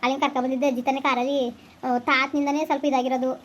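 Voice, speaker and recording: A woman's voice: sits high, flat delivery, rapid-fire. A woman playing an earnest young wife who pleads with her husband in an amateur village family drama. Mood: persuasive.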